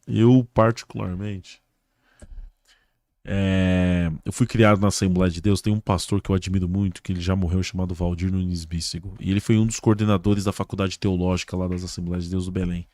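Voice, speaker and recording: A man's voice: low-pitched, fairly even intonation, a little fast, darkish tone, no echo, studio quality. A man with a Brazilian Portuguese accent, a pastor and guest on a casual religious podcast, who tells stories and acts out the dialogue in a raised voice.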